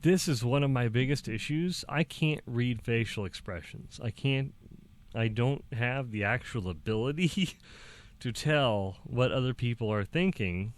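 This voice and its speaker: A young man talking casually to the camera, halting and restarting, with small laughs between thoughts. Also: mid-range voice, expressive. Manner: acts out quoted dialogue in a raised voice. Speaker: vlogger.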